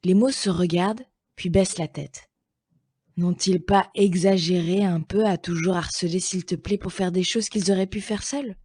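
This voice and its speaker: A woman reading a children's story aloud slowly and gently, with clear pacing. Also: on the low side, steady tone, no echo, clean studio sound.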